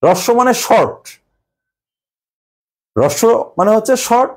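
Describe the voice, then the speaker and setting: Man, teacher, high voice, classroom grammar lesson, hesitant step-by-step explaining. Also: big pitch swings, measured pace, breathy edge.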